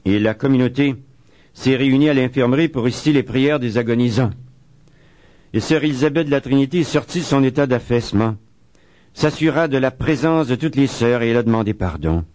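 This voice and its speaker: A man giving a spiritual talk as a preacher, reading quotations slowly and solemnly and adding chatty asides. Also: mid-range voice, a little mellow, dry recording. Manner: reads quoted writings slowly and solemnly, adds chatty asides. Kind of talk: spiritual talk on a saint's life.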